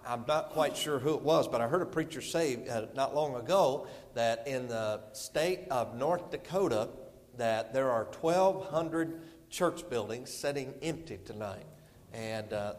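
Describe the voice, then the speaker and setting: Middle-aged North Carolina man, guest preacher, homespun and rambling, voice ringing in a large hall. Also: mid-range voice. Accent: North Carolina Southern. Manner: folksy, rambling, full of "and, uh" fillers. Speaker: visiting preacher. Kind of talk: sermon. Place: church sanctuary.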